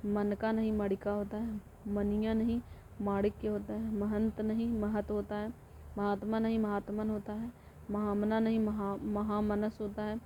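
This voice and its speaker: Flat-voiced woman drilling word lists. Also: mid-range voice, unhurried. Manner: monotone drilling, repeating each word pair. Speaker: teacher. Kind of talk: exam-prep lesson, reading word lists. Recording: dull lo-fi audio with faint noise.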